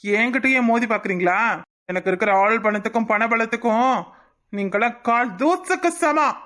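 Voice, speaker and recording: Menacing rich old man, as an actor plays him, cartoon, Kanyakumari Tamil accent, blustering, middling pitch. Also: normal speed, a bit bright, close to an everyday voice. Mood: threatening. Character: rich old man hunting for a missing girl, threatening. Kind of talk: cartoon voice acting.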